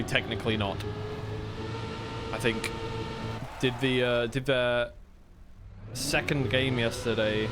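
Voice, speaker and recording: A man with a mid-range voice commentates live on an esports racing match, rambling casually and correcting himself in asides between bursts of play-by-play. The recording is very noisy.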